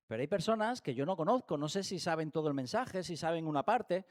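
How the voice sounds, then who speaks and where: A man with an accent from Spain leads a church Bible study in a fairly high voice. He talks animatedly, firing rhetorical questions and acting out small everyday scenes to make his point. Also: animated, a little fast. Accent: Spain Spanish. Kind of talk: church teaching talk. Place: church hall.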